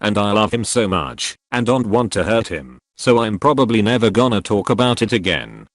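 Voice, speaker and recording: A text-to-speech male voice reading a scripted opinion commentary with an even, synthetic delivery. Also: lowish voice, normal speed. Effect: text-to-speech robot voice.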